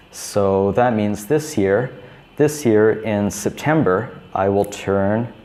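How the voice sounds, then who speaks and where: A man in his thirties teaching beginner English, repeating each simple phrase slowly and clearly. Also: on the low side, a little mellow. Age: 30s. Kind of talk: slow, repetitive teaching for beginners.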